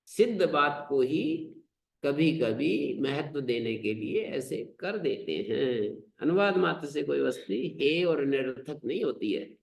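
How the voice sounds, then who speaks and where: An older man with an Indian Hindi accent teaching a scripture lesson, chanting Sanskrit verses, explaining them slowly and asking rhetorical questions. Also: on the high side, lively intonation, vocal fry. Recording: echoey room.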